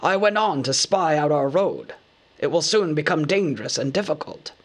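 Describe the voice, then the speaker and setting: A man voicing an old male wizard who talks briskly and scolds with impatience. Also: fairly high pitch, animated. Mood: stern. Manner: brisk, scolding, matter-of-fact. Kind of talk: audiobook character voice.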